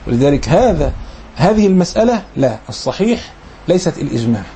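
A man's voice: fairly high pitch, very animated, quick pace, mellow, a little hiss or hum. A man with an Egyptian accent teaching a religious lesson. He reads formal passages, then explains them in colloquial asides and repeats key phrases. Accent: Egyptian Arabic. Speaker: Islamic lecturer.

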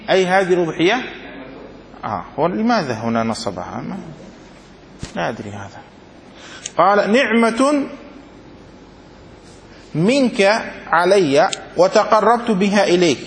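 Sheikh teaching in a roomy hall. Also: male voice, sits high, expressive, moderate pace. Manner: repeats phrases, asks students if it is clear. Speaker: sheikh teaching Islamic law. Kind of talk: classroom lesson, reading and explaining a text.

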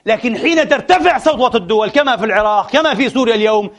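The Friday sermon comes from a man who speaks to his brothers with passion, sadness and frustration, moving back and forth between soft and loud. He has a very high-pitched voice and talks at a racing speed.

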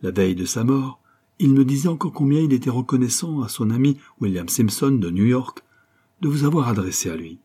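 Imagine a distraught young banker's daughter as a male narrator raises his voice to play her, her lines rising high above his usual pitch and pressing forward with sobbing, pleading emphasis. The tone stays dark and mellow under the strain, with a husky grain, as in a classic serial read aloud. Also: expressive, brisk. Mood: urgent. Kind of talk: audiobook reading.

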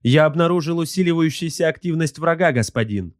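A man's voice: fairly high pitch, expressive, fairly quick, dry recording, studio quality, voice pushed up, natural voice. A man voicing a dutiful male lookout slave aboard a warship in an audiobook, reporting formally. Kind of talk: audiobook character voice.

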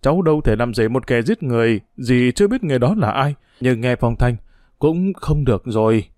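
A man's voice: medium pitch, expressive, brisk, a little mellow, dry recording, studio quality, lightly acted. A man voicing a worried, proper older aunt in a storybook reading. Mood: alarmed. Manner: anxious, fretful questioning.

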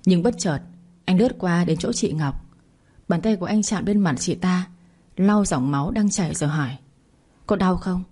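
A woman narrating a bedtime story in the first person, calm and even. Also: lowish voice, normal speed, slightly rough.

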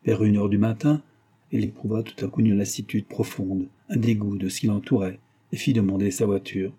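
A man narrating a classic novel aloud in a measured, steady reading. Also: on the low side, slightly rough. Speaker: audiobook narrator. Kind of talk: scripted narration.

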